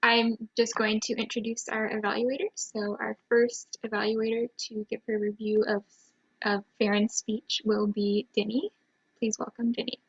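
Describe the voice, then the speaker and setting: A woman's voice: fairly high pitch, level tone, normal speed, slightly rough, dry recording. A woman introducing the next speakers at an online meeting in a matter-of-fact way. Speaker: general evaluator introducing speakers. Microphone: computer mic on a video call. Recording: dull, dry lo-fi call audio.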